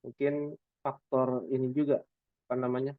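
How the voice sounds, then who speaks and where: A man's voice: medium pitch, flat delivery, dry recording, phone-quality sound. Encouraging male teacher on a call. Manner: encouraging, drawn-out affirmations. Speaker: Arabic teacher. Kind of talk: online class feedback.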